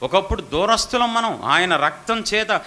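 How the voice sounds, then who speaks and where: A man's voice: sits high, animated, normal speed, sharp tone. A male pastor preaching an impassioned sermon, asking rhetorical questions and acting out the voices of the people in his story.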